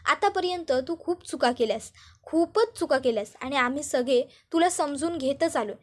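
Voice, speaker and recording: A stern older father figure, lecturing at length in a firm tone, done by a woman narrator. The voice stays high, with no attempt to drop it. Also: lively intonation, normal speed.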